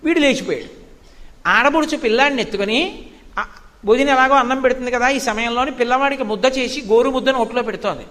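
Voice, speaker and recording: A man giving a devotional sermon, telling stories in an animated way and reciting Sanskrit verses. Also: extremely high pitch, fast talker. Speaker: spiritual discourse speaker. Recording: long hall reverb.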